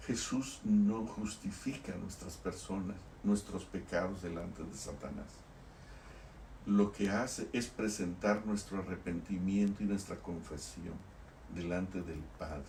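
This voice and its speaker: A man's voice: low voice, steady tone, measured pace, darkish tone, slight background noise. A middle-aged man, a pastor, preaching a sermon earnestly, repeating words for emphasis and reading passages aloud. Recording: echoey room, voice a bit far from mic.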